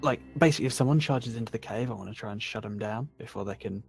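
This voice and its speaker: A man's voice: fairly low pitch, fast, gravelly, darkish tone, faint music behind. A man playing in a tabletop game, explaining his plan loosely and repeating himself. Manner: loose, rambling. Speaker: player. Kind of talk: casual tabletop play.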